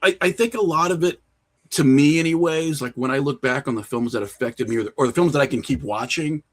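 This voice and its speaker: In a relaxed interview conversation, a man who makes horror films speaks as a podcast guest, his mid-range voice moving a little fast. He lays out his opinions with animation, using informal slang and plenty of fillers such as "like" and "you know."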